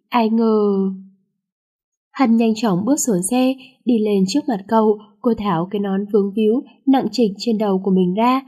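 A woman reading a romance novel aloud in a steady storytelling manner. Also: mid-range voice. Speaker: audiobook narrator.

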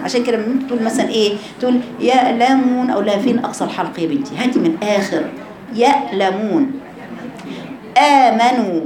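A woman's voice: fairly high pitch, darkish tone, echoey room. A woman with an Egyptian accent teaching her female students how to pronounce throat letters, asking questions and chanting examples. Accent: Egyptian Arabic. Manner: explains with questions, demonstrates sounds by drawn-out chanting. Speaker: Quran recitation teacher. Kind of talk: informal tajweed lesson to female students.

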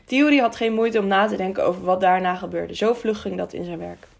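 A woman reading a children's adventure audiobook in a steady, expressive storytelling voice. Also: mid-range voice, fairly quick, gravelly. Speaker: audiobook narrator. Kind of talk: audiobook narration.

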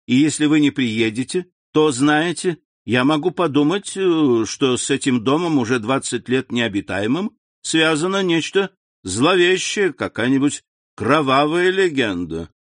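A man voicing a suave wealthy count, smooth, polite and quietly insistent. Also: fairly high pitch, animated, a little slow, dry recording, clean studio sound, pitched above the performer's own voice. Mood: courteous. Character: suave wealthy male count, courteous and cool.

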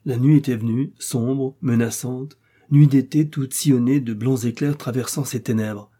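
A man reading an old moral tale aloud as a measured, literary narrator. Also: mid-range voice, fairly even intonation, mellow, slightly rough. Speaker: audiobook narrator. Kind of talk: scripted narration.

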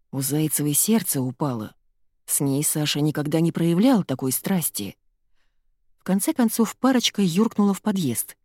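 A woman narrating an audiobook in an expressive, storytelling manner. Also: lowish voice, no echo, studio quality.

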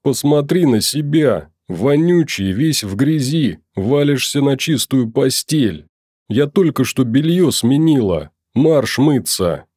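A man voicing an angry, nagging wife who shouts and scolds in an audiobook. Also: mid-range voice, expressive, takes it slowly, hardly any pauses, no room sound, studio quality. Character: furious nagging wife, young woman.

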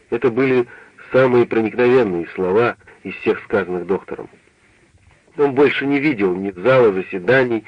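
A man narrating a literary novel in a measured, even reading. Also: lowish voice, no room sound. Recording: dull, dry radio recording.

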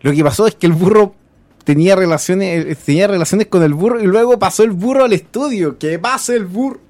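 A man's voice: high-pitched, brisk, a little mellow. A Chilean man co-hosting a community radio show in a studio, trading jokes and sending greetings to listeners. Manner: joking banter, sends listener greetings. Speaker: radio co-host. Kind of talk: casual chat.

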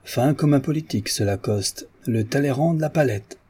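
A man reading a classic novel aloud as an audiobook narrator in a measured, literary way. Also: medium pitch, mellow, breathy edge.

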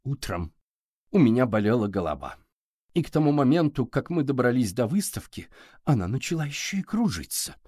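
A man's voice: mid-range voice, very animated, brisk, a little mellow, breathy edge, no echo, clean studio sound. A man voicing a nervous, evasive older woman librarian who hesitates.

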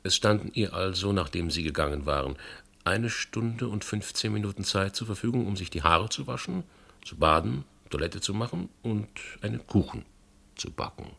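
In a German radio play, an actor portrays a probing investigator who questions formally and deliberately, politely ironic and sceptical, in a gravelly, husky voice. His male voice sits on the low side, animated and sharp, with an exaggerated delivery.

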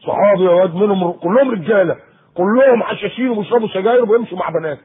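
A man preaching to teenagers in Egyptian Arabic, in a colloquial, animated sermon with acted-out asides. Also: high voice, rapid-fire, breathy edge. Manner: animated, acts out a teen and mother in quoted asides. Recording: tinny lo-fi phone-like tape.

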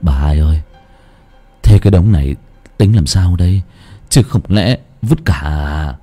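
A man's voice: low voice, expressive, measured pace, warm tone, faint music behind. A man playing a cowardly young village man who stammers in terror. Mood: uneasy. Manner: stammering, begging.

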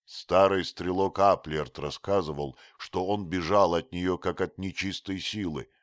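A man voicing a blunt, hot-tempered young archer who speaks loudly and forcefully in a read-aloud story. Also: low-pitched, fairly even intonation, a little slow, no room sound, clean studio sound, pitched above the performer's own voice. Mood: blustering. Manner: loud and forceful.

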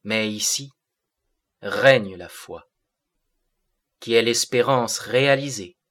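A man's voice: mid-range voice, slow pace, fairly bright tone. A man voicing a solemn seraphic being. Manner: solemn, lofty declamation. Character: sorrowful otherworldly seraphic being, aloof and grave.

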